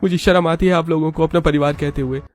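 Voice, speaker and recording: A man's voice: a little high, fairly quick, a little mellow, faint music behind, pitched above the performer's own voice, close to an everyday voice. A man voicing an emotional young husband from a rich family, talking passionately. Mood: angry. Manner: emotional, impassioned.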